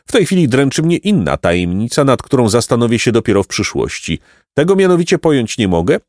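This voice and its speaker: A man's voice: lowish voice, darkish tone, no echo, clean studio sound. A man voicing a pompous, stubborn male donkey who fancies himself a philosopher, in a lofty, ponderous storybook manner. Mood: musing. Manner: lofty, ponderous, self-important. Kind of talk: audiobook reading of a children's tale.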